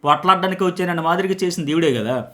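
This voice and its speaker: A man's voice: high voice, racing, bright, forceful tone. A middle-aged man, a journalist giving emphatic commentary on a reality show and acting out quotes from it. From Telugu-speaking India.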